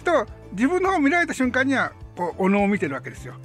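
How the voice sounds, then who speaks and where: Animated older Japanese man telling stories. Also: extremely high pitch, fast, soft background music. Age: 70s. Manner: animated, acts out voices and sound effects. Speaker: film actor telling stories. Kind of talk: casual storytelling chat.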